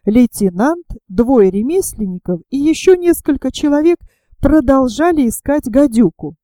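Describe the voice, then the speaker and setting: A woman narrating an audiobook story in a calm, measured way. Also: high-pitched, dry recording. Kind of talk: scripted narration.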